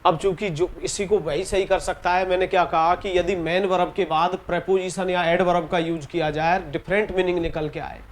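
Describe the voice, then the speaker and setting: A man with an Indian English accent teaching an exam-prep grammar lesson in Hindi. He reads the English example sentences slowly and deliberately and often repeats key words. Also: sits high, fairly even intonation. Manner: repeats key words and ends points with "theek hai".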